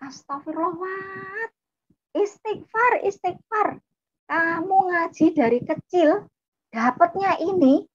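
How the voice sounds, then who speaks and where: A woman voicing her angry older sister, who scolds and shouts at her. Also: mid-range voice, sing-song, normal speed, few pauses, slightly rough, lo-fi sound. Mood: shrill, furious.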